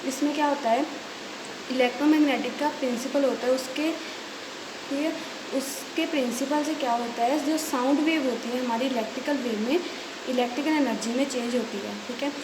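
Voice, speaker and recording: Her voice sits high and moves a little fast as this Indian-accented electronics teacher lectures, reading notes aloud and unpacking them. Short check-in tags pepper her speech, heard through an echoey room full of hiss and noise.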